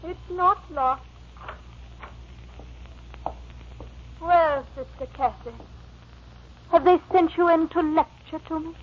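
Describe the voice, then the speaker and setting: A woman acting in a radio drama as an infatuated, defiant young gentlewoman, coy and petulant. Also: very high voice, unhurried. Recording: muffled, noisy vintage radio recording.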